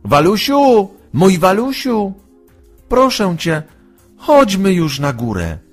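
A man voicing a frightened little girl who pleads and sobs in a high voice. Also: sing-song, slow, soft background music, heavily acted. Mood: pleading.

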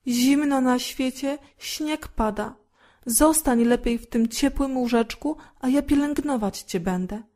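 Thumbelina, a soft tender girl, voiced by a woman. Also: high-pitched, unhurried, voice pushed up. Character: tiny tender-hearted girl, gentle and tearful. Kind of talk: storybook reading.

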